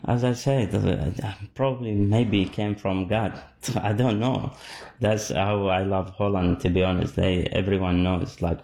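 An Iraqi football fan whose first language is Arabic is interviewed at his home, giving short, casual answers packed with fillers and laughing easily. His voice is low, steady in tone, unhurried and a little mellow.

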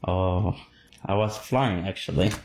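Low gravelly man from Iraq. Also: measured pace, darkish tone. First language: Arabic. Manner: short answers, many fillers, laughs easily. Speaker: interviewee, football fan. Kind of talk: casual interview answers. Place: his home.

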